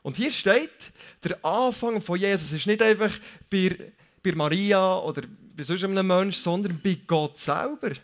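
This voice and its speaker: A young man with a Swiss German accent preaching a casual, lively sermon, joking and correcting himself as he goes. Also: high-pitched, measured pace.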